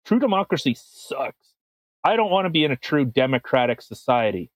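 A man's voice: mid-range voice, very animated, normal speed, no echo. A man co-hosting a podcast, talking in a casual, sarcastic, profane way with frequent restarts. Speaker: podcast co-host. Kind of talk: casual comedic chat.

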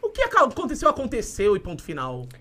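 A woman co-hosting a casual chat, reacting with animated exclamations. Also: mid-range voice, quick pace.

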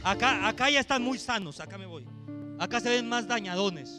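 Man, pastor, very high voice, fiery sermon, guitar music underneath. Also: animated, moderate pace. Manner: swings from hushed asides to shouted exhortation.

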